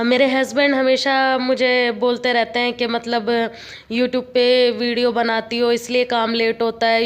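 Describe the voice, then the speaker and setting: A woman's voice: on the high side, echoey room. A young woman chatting through a home vlog voice-over, telling a complaining story in a talkative way. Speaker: home vlogger.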